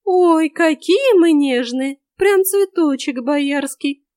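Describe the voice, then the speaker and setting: A woman voicing a mischievous young female forest spirit who mocks and teases in a bright, sharp-tongued way. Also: a little high, animated, normal speed, no room sound, studio quality, natural voice. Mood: mocking.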